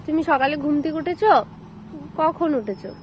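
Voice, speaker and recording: A woman's voice: sits high, animated, moderate pace, a little mellow, a little hiss or hum. A woman talking to her toddler at home, coaxing him in playful baby talk.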